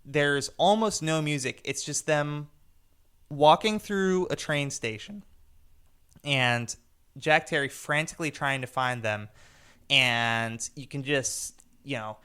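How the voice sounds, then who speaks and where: A young man co-hosting a podcast, chatting casually about a movie and acting out scenes with sudden loud bursts. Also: on the high side, slow pace, clear, resonant tone. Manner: animated, acts out scenes with sudden loud outbursts. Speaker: podcast co-host. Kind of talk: casual film discussion.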